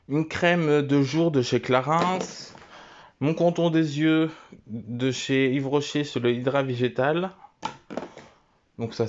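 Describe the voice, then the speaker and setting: Male vlogger, unhurried show-and-tell with lots of "euh", mid pitch, dull lo-fi sound with faint hiss. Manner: halting, many fillers and restarts.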